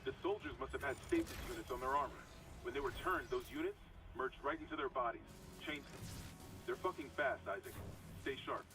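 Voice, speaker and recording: Male actor as steady military officer, gruff, grave, firm orders, game dialogue, music behind. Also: mid-range voice, a little fast, distant mic, close to an everyday voice, low-quality recording. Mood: grave warning. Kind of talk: sci-fi horror game dialogue.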